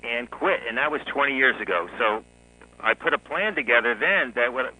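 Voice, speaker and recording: A man in his forties, a guest author, telling his life story in a relaxed interview, often chuckling. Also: medium pitch, normal speed, a little hiss or hum, poor audio. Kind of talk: conversational interview.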